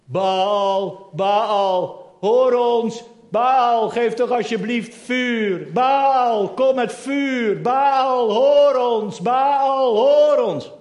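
A man's voice: very high-pitched, voice pushed up, heavily acted. Frantic chanting prophets, as a man puts them on. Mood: pleading chant. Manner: loud drawn-out pleading chant. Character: frantic chanting prophets of a false god, men. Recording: roomy echo.

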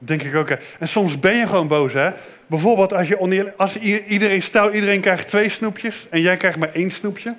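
Man giving a gentle children's sermon. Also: high voice, brisk. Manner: asks children questions, gentle and simple. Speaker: children's pastor.

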